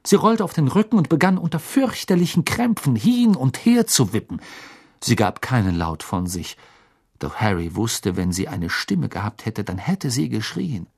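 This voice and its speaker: A man reading an audiobook as narrator, measured and expressive storytelling. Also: mid-range voice, vocal fry, slightly rough. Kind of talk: scripted narration.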